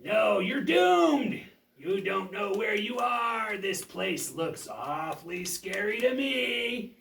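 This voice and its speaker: A performer voicing a gloating, fearmongering villain puppet with drawn-out taunts in a children's show. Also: mid-range voice, sing-song, vocal fry, a bit bright, a little hiss or hum, exaggerated voice. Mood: taunting. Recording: roomy echo, distant mic.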